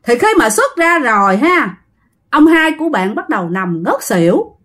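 A woman's voice: on the high side, big pitch swings, normal speed, fairly bright tone. A woman with a Southern Vietnamese accent telling a ghost story in a chatty way, talking straight to her listeners. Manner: addresses listeners directly, chatty. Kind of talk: casual ghost story narration.

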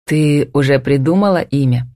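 A woman doing a gruff domineering man. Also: low-pitched, normal speed, dark tone, no room sound, studio quality. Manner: growling, curt.

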